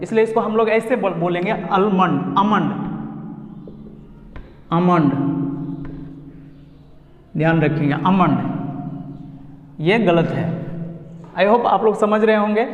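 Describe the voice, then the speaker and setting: A man's voice: sits high, a little mellow, reverberant, big-room sound, lo-fi sound. A man with a Bihari Hindi accent teaching English pronunciation, spelling words out letter by letter. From India. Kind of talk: spoken lesson.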